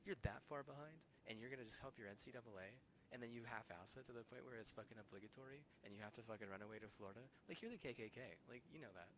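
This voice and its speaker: A man in his early thirties rambling on a gaming live stream, profane and halting, with many restarts. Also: medium pitch, noisy background. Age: 30s.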